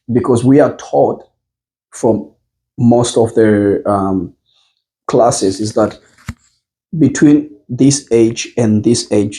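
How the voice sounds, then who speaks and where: A man with a mellow, somewhat husky voice leads a casual discussion about parenting. He speaks in a measured way, thinking out loud and circling back on his phrasing with ums and restarts. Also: medium pitch, poor audio.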